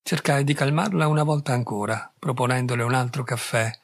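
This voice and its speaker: A man narrating a literary short story in the first person in a measured reading voice. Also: mid-range voice. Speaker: audiobook reader.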